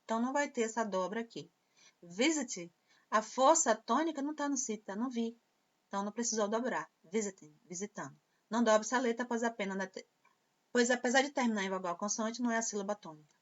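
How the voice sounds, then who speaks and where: Lady teacher going over english grammar, slightly high voice, kinda dull lo-fi audio. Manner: slow and patient, repeats example phrases in English then translates. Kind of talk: explaining grammar to students. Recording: dull lo-fi sound.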